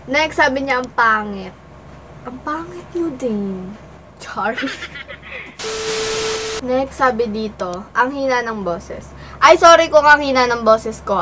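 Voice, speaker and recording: A woman's voice: a little high, sharp tone, a little hiss or hum, low-quality recording. A young adult woman vlogging casually with a stuffy cold, reading comments aloud and firing back playful, teasing comebacks, sometimes while eating. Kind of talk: casual vlog reacting to comments.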